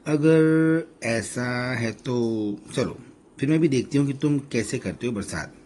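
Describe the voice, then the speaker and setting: A man voicing a sharp-tongued middle-aged wife who teases and scolds her husband. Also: medium pitch, expressive, unhurried, slight background noise, voice pushed up, natural voice. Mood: teasing. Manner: scolding, bossy.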